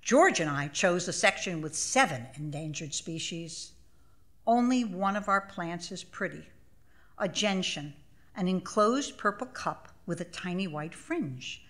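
A woman in her seventies, with a voice on the low side, reads her own literary essay to a live audience on a small theater stage through a stage microphone. Her delivery is slow, measured and expressive, with wide-ranging intonation and dry wit.

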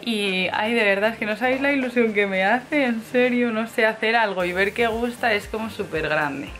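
A young woman from Spain, a mother chatting casually in a vlog, with frequent laughs and soft asides to her baby. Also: fairly high pitch, moderate pace, faint music behind. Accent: Spain Spanish. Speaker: vlogger mother.

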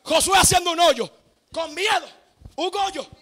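A man preaching a sermon at a church service, telling a story in an animated way and shouting his emphatic lines. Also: extremely high pitch, unhurried. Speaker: evangelist preacher.

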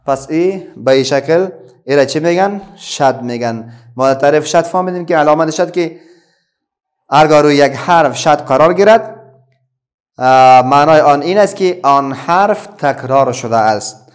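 A middle-aged man with an Afghan Dari accent teaching a children's reading lesson, patiently asking questions and then answering them himself. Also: fairly high pitch.

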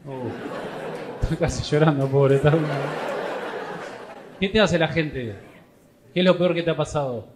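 A man's voice: a little high, a little slow, long pauses, noisy background. A man with a Rioplatense accent, a stand-up comedian teasing the crowd and chatting in his vlog. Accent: Rioplatense Spanish. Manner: teasing, joking, laughing often. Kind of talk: crowd work and casual vlog chat.

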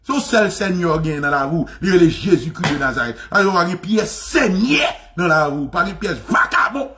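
A man with a Haitian accent in a fiery, mocking religious rant, repeating insults and shouting. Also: sits high, expressive, normal speed, background noise. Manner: mocking, shouting, repetitive, laughing scornfully. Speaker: radio commentator.

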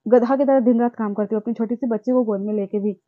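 Fast-talking and fairly high-pitched, the young woman keeps her intonation fairly even while she rants indignantly and repetitively in an emotional personal vlog. No echo is present, though the sound is tinny like a phone's.

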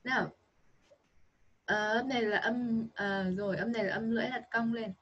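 In this online lesson, a woman teaches a child English pronunciation, her Vietnamese accent audible as she patiently repeats sounds for the child to copy. Her slightly high, husky voice holds a fairly even intonation at a moderate pace, and the highs are cut off.

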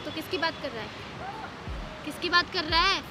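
A woman's voice: extremely high pitch, normal speed. A young woman outdoors, answering a stranger in a defensive, questioning way. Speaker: prank target. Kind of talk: street conversation. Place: outdoors in a park. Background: background music.

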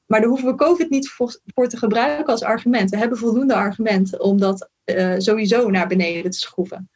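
A woman's voice: fairly high pitch, a little fast, a little mellow, breathy edge, muffled recording. A woman from the Netherlands, a physician in training, explaining carefully in a casual podcast talk with many fillers and hedges. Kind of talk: casual conversation.

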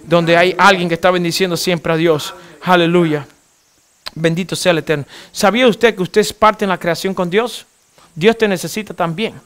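A man preaching a fervent sermon as pastor, leading the congregation in repeating phrases and swinging from shouting to quiet. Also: high-pitched, steady tone, moderate pace, smooth.

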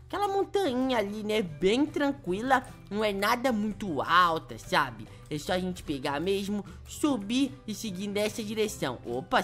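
A woman with a Brazilian Portuguese accent hosting a Minecraft let's play, chatty, sighing often and cooing over cute animals. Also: mid-range voice. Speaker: gaming video host. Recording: faint background music.

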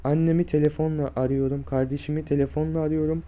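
Give me a sick, drained man in his twenties vlogging about his health, with a very dark, muffled tone and a weak, strained, halting voice. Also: on the high side, little pitch movement. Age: 20s. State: sick and drained with fever and aches. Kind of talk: personal health vlog, speaking to viewers.

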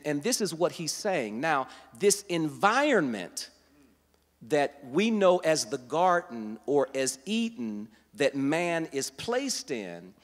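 A man preaching a sermon, teaching verse by verse and building to loud, emphatic passages. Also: on the high side, in a large hall. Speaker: guest preacher. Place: church sanctuary.

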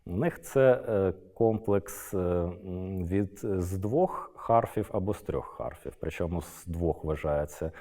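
Low, mellow-voiced man lecturing hesitantly. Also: measured pace, hardly any pauses. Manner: hesitant, many filler sounds and restarts. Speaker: Arabist lecturer. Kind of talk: unscripted lecture.

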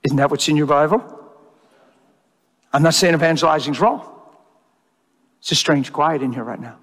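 Male preacher, lively storyteller, slightly high voice, echoing church hall. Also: normal speed. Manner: animated storytelling, acting out dialogue. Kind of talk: sermon. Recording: long hall reverb.

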